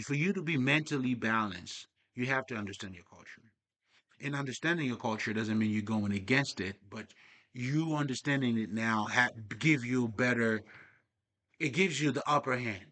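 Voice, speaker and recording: A man's voice: medium pitch, pushed and bright. A young man talking in a casual, profane, rambling monologue as a spiritual vlogger. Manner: profane, streetwise, digressive.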